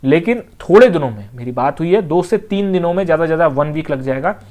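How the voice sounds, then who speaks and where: This exam coaching teacher's mid-range voice is expressive, a little mellow, and quick. The teaching style is conversational and informal, with lots of repetition and frequent check-ins with students.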